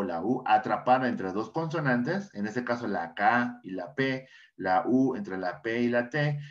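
Lo-fi Mexican teacher explaining grammar. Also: male voice, medium pitch. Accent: Mexican Spanish. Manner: patient, repeats words for students, asks and answers himself. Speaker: English teacher. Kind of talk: classroom lesson explanation. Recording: dull lo-fi sound.

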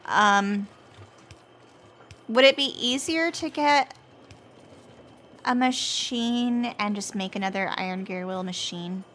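Slow-talking woman gaming co-host. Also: mid-range voice, fairly bright tone, a little hiss or hum. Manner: chatty, slow, easily exasperated. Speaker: co-host and player. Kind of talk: casual gaming chat.

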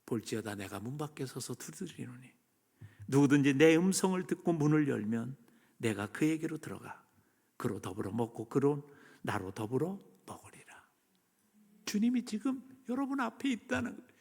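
Man preaching, pastor, swings from loud to whispered, gravelly husky voice, long church reverb. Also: mid-range voice, very animated, normal speed. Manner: swings between loud emphasis and hushed near-whispers. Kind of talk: sermon. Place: church sanctuary.

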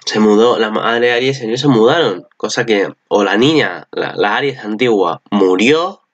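A man's voice: on the low side, moderate pace, lo-fi sound. A man with a Spanish accent from Spain giving casual, rambling reaction commentary on an anime, swearing often.

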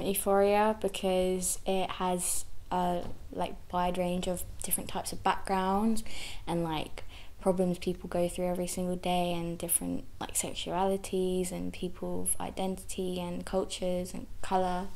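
A young woman answering vox pop questions, slow and earnest, with fillers. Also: fairly low pitch, monotone, a little mellow. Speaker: interviewee. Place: small indoor room by a door.

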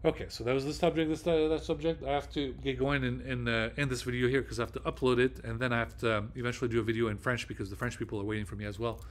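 A man's voice: medium pitch, little pitch movement, rapid-fire, hardly any pauses. A man hosting his own video, talking off the cuff in a rambling, agitated way, with heavy fillers and swearing. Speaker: video host. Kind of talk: casual monologue.

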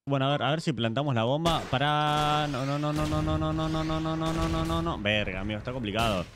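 A man with a Rioplatense Spanish accent commentates gameplay in a fairly high voice. He is excitable and bursts into frantic yells and swearing. Background music runs under everything he says. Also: brisk. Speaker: gaming YouTuber.

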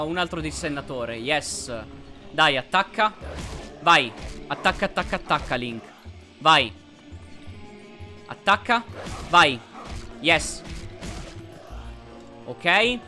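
A man hosting a let's play, commenting on gameplay and yelping excitedly at enemies. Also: fairly high pitch, takes it slowly, long pauses, faint music behind. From Italy. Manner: excitable, yelps and shouts at enemies.

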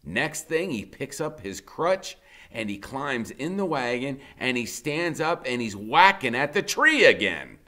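Standing before a whiteboard in an indoor classroom, an American man in his fifties, a teacher, reads a first-person story with dramatic, conversational flair, stretching out key words. His mid-range voice is very animated, bright and forceful.

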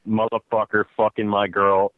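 A man's voice: on the low side, level tone, normal speed, dry recording. Angry man on a tinny phone. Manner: angry, confrontational, profane. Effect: phone line. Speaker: prank call victim. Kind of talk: heated phone conversation. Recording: narrow, tinny phone line.

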